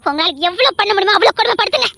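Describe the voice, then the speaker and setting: A woman playing a devoted young wife, very high. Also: lively intonation, rapid-fire, gravelly, sharp tone, dry recording, heavily acted. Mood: vehement. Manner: pleading, tearful and vehement. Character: young wife, wronged man's daughter, fiercely devoted. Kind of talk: dramatic audio story acting.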